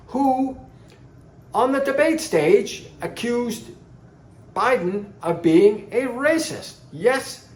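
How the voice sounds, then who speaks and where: A man from Canada, giving a scornful, sarcastic political monologue. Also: a little high. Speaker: political commentator. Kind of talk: opinionated monologue. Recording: echoey room.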